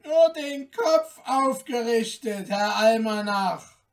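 A woman voicing a band of rough male gate guards who bark loud, mocking commands, recorded from a distance. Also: slow. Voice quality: rough, deep-voiced per the tale, shouted. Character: gruff shouting male gate guards, hostile.

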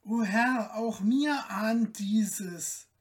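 A reader voicing a lonely, sad enchanted owl princess in a storybook tale, speaking softly and slowly. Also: mid-range voice, far from the mic. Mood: hushed. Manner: soft and subdued, slow and mournful.

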